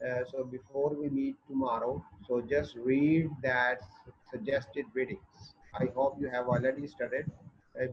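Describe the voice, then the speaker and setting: A man with a North Indian accent giving a classroom chemistry lecture, explaining and checking understanding with short tag questions. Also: mid-range voice. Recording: dull muffled audio with background noise.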